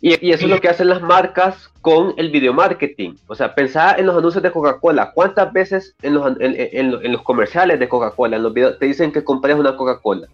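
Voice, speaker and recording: A man's voice: a little high, brisk, hardly any pauses. Man, dull lo-fi sound. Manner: conversational, reads viewer comments aloud. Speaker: co-host. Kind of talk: casual podcast talk. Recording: dull lo-fi sound with faint music.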